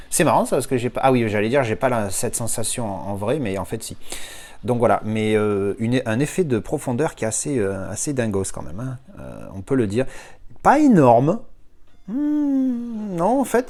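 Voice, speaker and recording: A man talking viewers through an unboxing in a casual, chatty way, thinking aloud and breaking into excited exclamations. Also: mid-range voice. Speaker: collector reviewing an unboxing.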